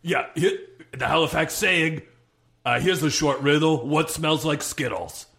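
A man playing a doting, excitable stepfather who hosts a comedy podcast in a gushing, mock-earnest, theatrical way. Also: on the high side, a little slow, vocal fry. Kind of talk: improvised comedy podcast banter.

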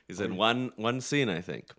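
A man's voice: fairly low pitch, unhurried, fairly bright tone. A man in a casual comedic chat, dropping dry, brief interjections.

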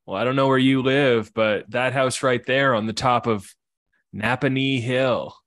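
A man's voice: medium pitch, steady tone, unhurried, fairly bright tone, no room sound, natural voice. A man voicing a teasing neighborhood kid who dares others, in an improv comedy scene. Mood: scheming.

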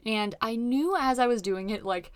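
A woman's voice: fairly high pitch, normal speed, clear, resonant tone, no room sound. A woman comedian hosting a casual chat show, talking in a slangy, exclamatory way with plenty of swearing. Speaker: podcast host, comedian.

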